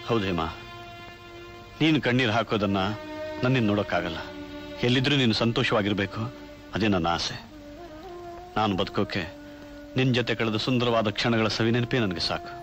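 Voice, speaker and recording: An actor playing a devoted young lover who speaks softly and earnestly. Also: male voice, on the low side, a little fast, long pauses, natural voice. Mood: tender. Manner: soft, tender, earnest. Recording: film soundtrack with music under. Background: film score music.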